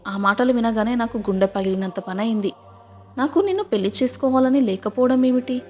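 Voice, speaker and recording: A woman narrating a scripted first-person moral story in a steady, measured reading voice. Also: on the high side.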